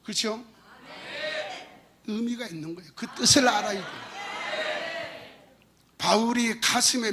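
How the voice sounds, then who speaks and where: A middle-aged male pastor with an unusually high voice preaches a revival sermon in a church. He is playful and animated, often rising into shouted emphasis. A faint hiss sits under the recording. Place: church sanctuary.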